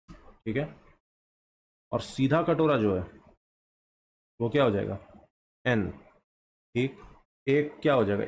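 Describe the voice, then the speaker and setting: A man's voice: mid-range voice, vocal fry, a little hiss or hum. A man teaching a shorthand lesson, drawing as he goes and asking questions that he then answers himself. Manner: slow, asks himself questions and answers them. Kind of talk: explaining a lesson while drawing.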